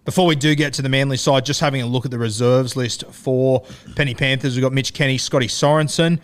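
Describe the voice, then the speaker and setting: A man's voice: mid-range voice, steady tone, fast talker. An Australian man hosting a sports podcast in a casual, broad, slangy, blokey style. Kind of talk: casual fantasy rugby league chat.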